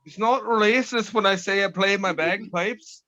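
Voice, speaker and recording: A high-voiced man co-hosts a sports podcast in a brash, joking manner and swears freely. The stream audio sounds dull and lo-fi. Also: unhurried, sharp tone, no room sound. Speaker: podcast co-host. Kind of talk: casual live sports podcast chat.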